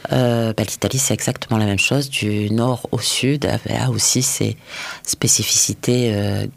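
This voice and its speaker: A man's voice: lowish voice, fairly even intonation, normal speed, vocal fry. A man from France, a restaurant chef, answering interview questions in a thoughtful, hesitant way with many fillers.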